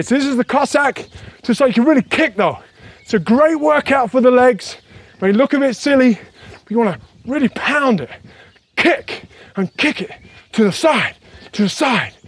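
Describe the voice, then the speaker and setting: A man's voice: very high-pitched, no echo. A man leading a trampoline workout outdoors, counting reps and calling out moves in an upbeat coaching manner while bouncing along. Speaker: fitness instructor. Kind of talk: workout instruction. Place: outdoors at a sunny retreat.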